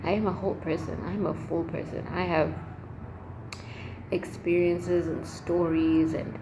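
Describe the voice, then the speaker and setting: A young adult woman chatting casually as a vlogger, rambling and expressive, with emphatic, slangy phrasing. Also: on the low side, measured pace. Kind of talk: casual chat to camera. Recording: noticeable background noise.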